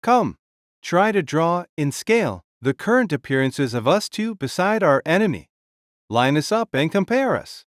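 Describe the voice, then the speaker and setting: A man's voice: a little high, sing-song, normal speed, no echo, studio quality. A man playing a huge, boisterous warrior king spirit in an audio drama, speaking in a bold, jovial, boastful way. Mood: commanding, playful. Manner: hearty, bold, grandiose. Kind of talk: dramatised audio story dialogue.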